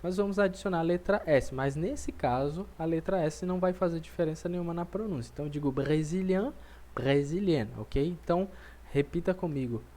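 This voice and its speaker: A man teaching an online French lesson, lively and drilling words slowly for his students to repeat. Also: on the high side.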